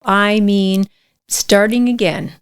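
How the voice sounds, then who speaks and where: A woman with a smooth, clear voice of medium pitch. She chats casually as an interview guest and takes her time with her words. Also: steady tone, takes it slowly. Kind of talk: casual chat.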